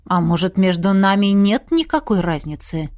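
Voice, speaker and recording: A woman reading the part of a mocking, grumbling male master of dark magic in a fantasy audiobook. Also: medium pitch, expressive, normal speed, dry recording, studio quality, lightly acted. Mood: low, sly.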